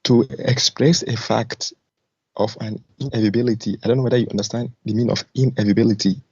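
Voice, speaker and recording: This Nigerian debate caller talks fast in a mid-range voice with fairly even intonation and a breathy edge, no echo. Over a muffled lo-fi connection that's dry and full of clicks, he lays out his stance firmly and formally in a contentious debate.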